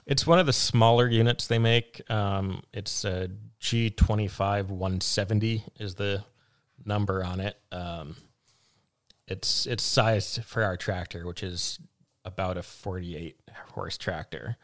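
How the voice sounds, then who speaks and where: A man, a vegetable farmer, answering interview questions in a relaxed, hesitant way with many fillers and restarts. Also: deep voice, a little slow.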